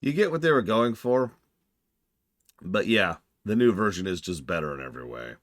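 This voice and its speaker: A man's voice: deep voice, lively intonation, moderate pace, a bit bright, dry recording. A man giving casual live game commentary as a streamer, explaining the lore in a wry, opinionated way.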